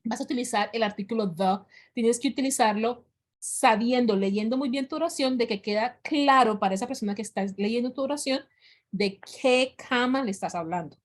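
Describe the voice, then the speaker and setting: Woman teacher going over english grammar, patient, says examples over slowly. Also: on the high side. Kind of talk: online class explanation.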